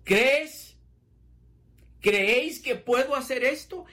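A man's voice: extremely high pitch, slow pace, pushed and bright, pitched above the performer's own voice, exaggerated voice. A man preaching speaks as Jesus, asking the listeners earnestly whether they believe. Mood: earnest questioning. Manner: earnest, questioning. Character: Jesus, gentle male healer asking about faith.

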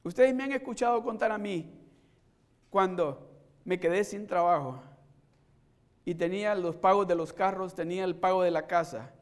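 A middle-aged male preacher telling a personal testimony in a sermon, moving from soft storytelling to shouted exhortation and mixing Spanish with English. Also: sits high, moderate pace, pauses often. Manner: switches between Spanish and English.

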